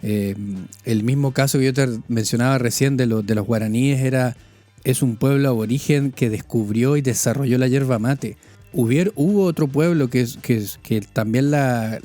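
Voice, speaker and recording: A man's voice: medium pitch, normal speed, dark tone, soft background music. A man from northern Chile with a Chilean accent, hosting a podcast in casual conversation, chatty with many restarts. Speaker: podcast host. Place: living in France.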